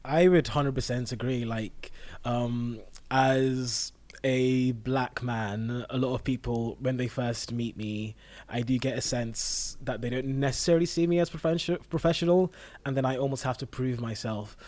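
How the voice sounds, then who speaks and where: Young man, modern British RP accent, well-spoken, medium pitch, casual podcast talk. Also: steady tone, moderate pace, a little mellow, no echo. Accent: modern Received Pronunciation, southern English. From southern England. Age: young adult. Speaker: medical student on a podcast.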